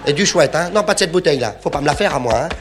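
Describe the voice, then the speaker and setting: A man's voice: on the high side, expressive, very fast. A man performing a comic stage monologue, in an indignant, exclaiming, mock-stubborn manner. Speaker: comedian.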